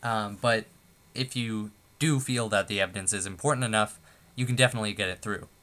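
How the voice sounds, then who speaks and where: A man presenting a tutorial lecture, explaining points in a steady, methodical way with a few fillers. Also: on the low side, brisk. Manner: steady, methodical, stepping through numbered points with occasional fillers.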